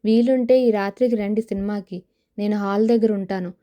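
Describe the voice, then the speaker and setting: A woman's voice: medium pitch, steady tone, moderate pace, muffled recording, lightly acted. A woman voicing a chatty man who works for a cinema and talks up its films, in an audio novel. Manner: chatty, enthusiastic about films. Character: chatty grown man, cinema worker on a scooter.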